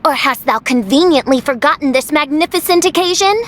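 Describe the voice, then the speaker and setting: A woman's voice: high voice, lively intonation, fairly quick, fairly bright tone, a little hiss or hum. A woman voicing a grandiose, haughty teenage princess in a video game, with pompous, archaic diction. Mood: imperious.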